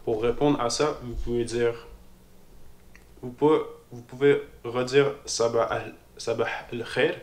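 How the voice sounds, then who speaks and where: A man's voice: mid-range voice, fairly even intonation, measured pace. A man teaching a casual spoken language lesson, hesitant, repeating his words and often checking in with "ok?". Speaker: Moroccan Arabic teacher. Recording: echoey room with faint noise.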